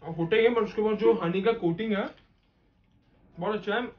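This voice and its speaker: A young man, a guest on a snack-tasting video, talking in a relaxed, playful way while his mouth is partly full. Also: sits high, normal speed, lo-fi sound. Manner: relaxed, playful, mixes Hindi and English. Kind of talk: casual food tasting chat.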